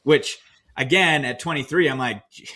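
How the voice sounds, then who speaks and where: A man co-hosting a podcast, recounting his own finance choices in a relaxed, storytelling way with plenty of fillers. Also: mid-range voice, normal speed, a little hiss or hum. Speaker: podcast co-host. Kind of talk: casual podcast discussion.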